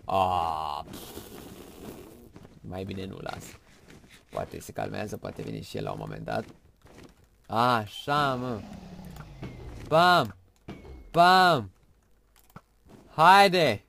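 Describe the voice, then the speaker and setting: A man giving excited live gameplay commentary, shouting at the game and muttering to himself between bursts. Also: sits low, vocal fry, long pauses, a little hiss or hum. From Romania. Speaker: gaming video host.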